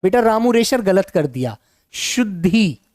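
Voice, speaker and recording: A male teacher with a sore, hoarse throat, leading an online exam-prep class in a calm, unhurried and affectionate way. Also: sits high, no room sound, clean studio sound.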